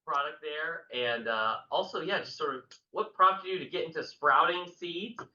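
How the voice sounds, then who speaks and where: A man's voice: a little high, moderate pace, pushed and bright. A man interviewing a guest, asking loose, hesitant questions full of uh and um. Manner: hesitant, many fillers. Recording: dull echoey room audio.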